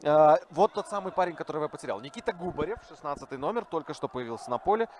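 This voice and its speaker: A man's voice: a little high, sing-song, very fast. A man co-commentating a live football match with analysis, in hesitant, piecemeal phrases. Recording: loud background noise.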